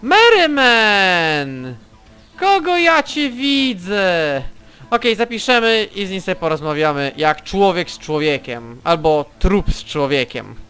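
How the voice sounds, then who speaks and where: Man, high bright clear voice, unhurried let's-play commentary, taunts foes, faint music under. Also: expressive. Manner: swears and taunts enemies while playing. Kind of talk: casual gameplay commentary.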